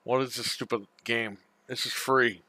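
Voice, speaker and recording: A man with a bright, forceful voice chats casually on a gaming livestream, blunt and quick to swear. The sound is dry and close, with no room around it. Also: medium pitch, steady tone, no room sound. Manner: blunt, profane, reads chat messages aloud. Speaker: podcast co-host.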